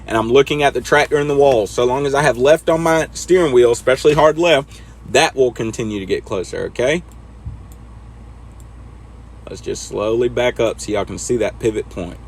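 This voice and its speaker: An easygoing man narrates his own driving in a truck simulator. His voice sits at an ordinary middle pitch, relaxed and conversational. He coaches viewers step by step and talks to himself along the way. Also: moderate pace, a little hiss or hum. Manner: laid-back, talks to himself while driving. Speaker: truck driver teaching backing. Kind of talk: casual instructional commentary over gameplay.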